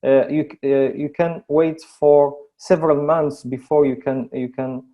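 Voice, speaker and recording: A man from Morocco with a North African accent giving a webinar presentation in halting, hesitant English, often repeating words. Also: fairly high pitch, level tone, lo-fi sound. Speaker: AI researcher and lecturer presenting projects.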